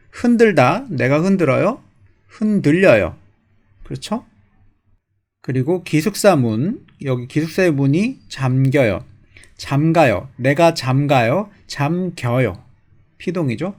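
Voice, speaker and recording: A man teaching grammar to language learners, slowly repeating verb pairs in a lively way. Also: on the high side. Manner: slow, repetitive drilling of verb pairs.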